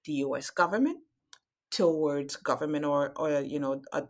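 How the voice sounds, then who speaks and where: A woman from Cameroon speaks as a podcast guest in a low voice. She explains her points in a steady, measured way and keeps a casual tone. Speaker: podcast guest, startup advisor.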